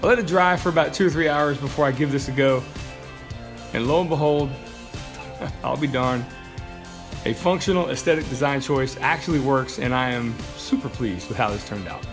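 A man's voice: mid-range voice, moderate pace. A man in his thirties, the host of a woodworking channel, casually explaining a build in his home workshop. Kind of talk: tutorial voice-over and talk to camera. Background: background music.

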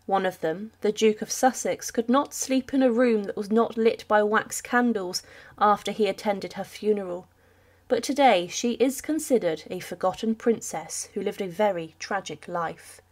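A woman narrating a history video in a steady, sombre reading voice. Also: medium pitch, normal speed.

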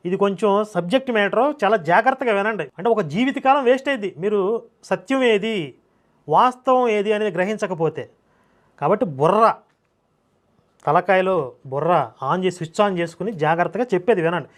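A man preaching a sermon, speaking emphatically, repeating phrases and reading scripture slowly. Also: sits high, animated.

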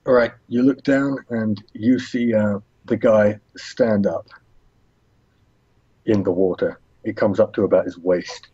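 A man narrating as game master in a relaxed way, thinking aloud with fillers. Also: fairly low pitch, unhurried, breathy edge. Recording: dull lo-fi recording.

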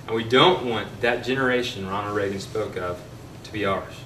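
A young man giving a prepared campaign closing speech as a candidate, earnest and halting with pauses. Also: lowish voice. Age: young adult. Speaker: political candidate. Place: meeting room, at a podium. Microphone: podium mic, picked up by distant camera. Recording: roomy, distant mic, faint background noise.

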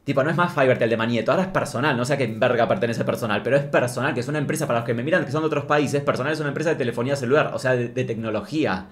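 A man's voice: medium pitch, racing, hardly any pauses. A man with an Argentine accent telling a comic story as a streamer, ranting in a crude, sarcastic way. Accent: Argentine Spanish.

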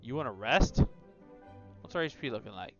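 A man streaming a game with a friend, reading the game's text aloud and thinking out loud, swearing often. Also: mid-range voice, lively intonation, moderate pace, muffled recording, faint music behind.

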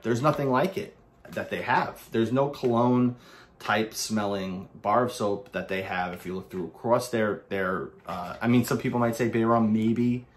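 A man's voice: on the low side, a little hiss or hum. Rambling Brooklyn-accented man reviewing soap. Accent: Brooklyn New York. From New York. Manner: rambling, many restarts and fillers. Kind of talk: casual product review.

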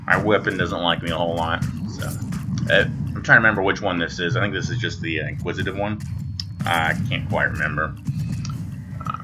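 A man's voice: sits low, steady tone, fairly quick, heavy background noise. A man giving casual, unscripted commentary on a video game as he plays. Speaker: gamer commentator. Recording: game music behind the voice. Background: video game music and sound.

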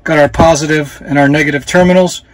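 In a low-quality recording with slight background noise, a fast-talking man in his thirties with a fairly high voice demonstrates a hands-on task beside a jet ski outdoors. He's a dealer host giving a how-to, relaxed and plain-spoken into a nearby phone camera, dropping fillers as he works.

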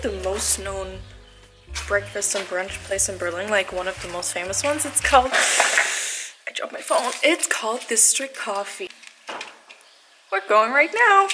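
A young woman with a slightly high voice, chatting casually and gushing with enthusiasm about the food in front of her. Her talk is bubbly and upbeat, and music plays clearly underneath the whole time. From Canada. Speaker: food vlogger. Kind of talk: casual vlog chat.

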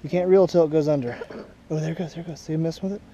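Out at a pond with his son, a young father gives patient fishing tips in easygoing conversation, picked up by his body-worn action camera outdoors. His voice is fairly high and warm, with fairly even intonation, and he talks rapid-fire. The audio is dull.

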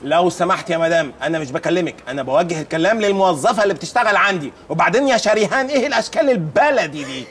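Pompous Egyptian boss, shrill and swooping, rapid scolding, faint room noise. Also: male voice, lively intonation, a bit bright. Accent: Egyptian Arabic. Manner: shrill, scolding, jumps upward. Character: fussy strict office manager man, pompous. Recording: TV set sound with faint ambient noise.

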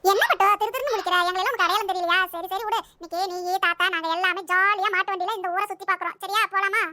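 A woman's voice: very high-pitched, rapid-fire, bright, forceful tone, a little hiss or hum. A woman voicing a chatty, teasing young schoolgirl in a cartoon. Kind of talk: cartoon voice acting.

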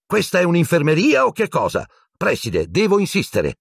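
A man's voice: sits low, sing-song, normal speed, husky, dry recording, full character voice. A man voicing a strict, fussing female school nurse in an audiobook, insistent and flustered.

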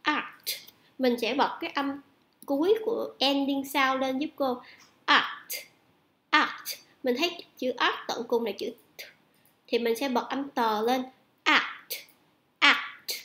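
Female teacher with a Vietnamese accent, high voice, roomy echo, slow drilled repetition. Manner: slow, drawn-out repetition of words for students. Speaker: English teacher. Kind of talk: online lesson, switching between Vietnamese and English.

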